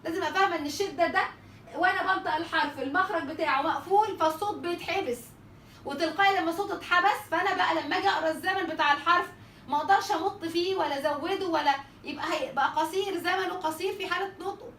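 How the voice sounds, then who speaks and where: A woman's voice: very high-pitched, very fast, a bit bright, echoey room, recorded from a distance, slight background noise. A woman with an Egyptian Arabic accent teaching how letters are pronounced in Quran recitation, asking questions and answering them herself. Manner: rhetorical questions answered herself, repeats sample sounds. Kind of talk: explaining tajweed letter articulation.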